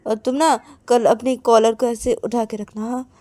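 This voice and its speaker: A woman's voice: a little high, little pitch movement, a little slow, warm tone, no echo, close to an everyday voice. A woman storyteller voicing a young woman who teases and scolds her partner, in a close, dry recording. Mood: teasing. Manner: teasing, scolding, then coaxing. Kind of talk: storyteller acting out dialogue.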